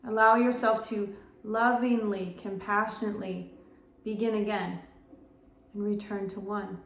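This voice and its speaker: A woman leads a breath-counting meditation at a very slow, unhurried pace. Her mid-pitched voice gives gentle instructions in short, spaced phrases. The sound is roomy, with a noticeable echo. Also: fairly even intonation, slight background noise. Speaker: meditation guide.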